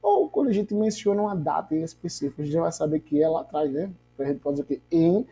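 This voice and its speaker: An English teacher gives a grammar lesson, asking rhetorical questions and drilling example phrases slowly. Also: medium pitch, lively intonation, mellow, soft background music, poor audio.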